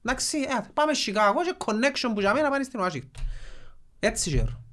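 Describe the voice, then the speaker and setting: Animated Cypriot Greek man telling stories. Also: extremely high pitch. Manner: animated storyteller with many fillers. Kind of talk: casual chat, storytelling.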